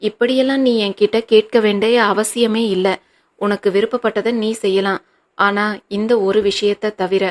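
A wounded, stern young husband, his pained and reproachful questions delivered on a level, even pitch, as a woman reads him aloud. The storybook reading stays steady and flat throughout. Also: moderate pace, close to an everyday voice. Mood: troubled.

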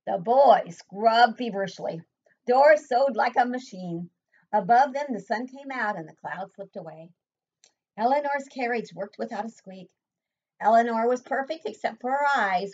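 This older woman, a preschool teacher with a mid-range voice, gives an expressive read-aloud of a picture book at home, breaking off to ask the kids questions. A webcam at her desk captures it in dull, lo-fi quality.

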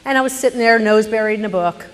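A woman telling a personal story on stage, animated, swinging from hushed narration to loud indignation. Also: a little high, fast talker, big-room sound.

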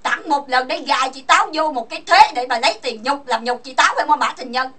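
A woman's voice: high-pitched, quick pace, a bit bright, distant mic. A woman from Vietnam hosting an online voice chat room, ranting angrily and hurling insults while demanding that listeners agree with her. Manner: angry, accusing, insulting, asks listeners for agreement. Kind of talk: heated voice chat rant.

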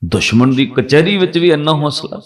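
A man voicing an astonished male court judge who speaks in slow, awed exclamations in a told story. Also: fairly high pitch, expressive, voice pushed up, lightly acted.

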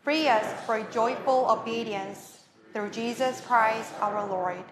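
A woman leading a liturgy of confession with a measured, solemn recitation, her voice echoing through a church sanctuary. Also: on the high side, a crowd in the background. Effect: echoing church sanctuary reverb. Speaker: worship leader. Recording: echoey room with congregation noise.

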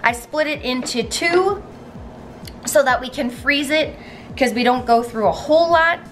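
A woman's voice: high voice, measured pace, fairly bright tone, soft background music. A woman in her thirties, from Canada, chatting step by step through a meal prep in her home kitchen. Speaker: vlogger. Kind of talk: casual cooking vlog.

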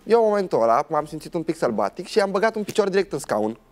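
Animated young man telling a story. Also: high voice. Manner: animated, dramatic storyteller, acts out other people's lines. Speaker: talk show guest. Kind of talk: personal storytelling in a TV interview.

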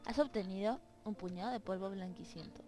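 Soft music plays as a woman in a let's-play session reads the game's text aloud, putting on goofy voices and teasing its characters. She speaks a little fast in a mid-range voice with a dark tone, recording from a room at home where dogs are nearby.

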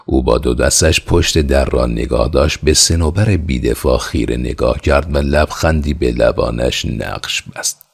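A man narrating an audiobook in a steady, measured way. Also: very deep voice, gravelly, slightly rough.

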